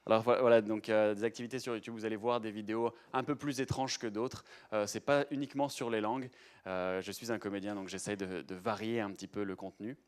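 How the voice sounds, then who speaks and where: A man's voice: lowish voice, steady tone, fast talker, clean tone. A young man giving a live presentation to an audience in a lecture room, chatty, with many hesitations and restarts. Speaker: conference speaker.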